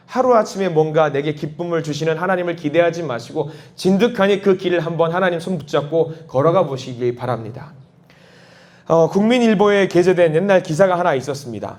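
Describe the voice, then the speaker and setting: A male pastor delivers a sermon in a church sanctuary. His voice sits a little high for a man. He tells his story by acting out the quoted voices, and his pitch leaps when he does. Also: a little mellow.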